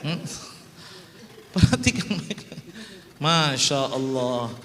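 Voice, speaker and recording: A man's voice: mid-range voice, expressive, extremely slow, sharp tone. A man preaching a humorous sermon in a small prayer hall, joking and teasing his audience.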